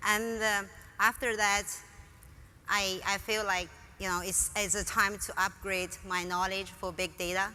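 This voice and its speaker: A woman's voice: medium pitch, little pitch movement, unhurried, pushed and bright, clear, resonant tone. A woman from northern China with a Chinese accent, answering interview questions on stage eagerly. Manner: eager, non-native phrasing. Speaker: student guest. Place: large conference hall. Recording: reverberant hall, faint room noise.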